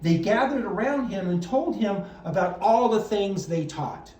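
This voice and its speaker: Animated man teaching kids in an echoey room. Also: sits high, unhurried, slight background noise. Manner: animated storytelling, acts out voices. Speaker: children's church teacher. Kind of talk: Bible lesson for kids.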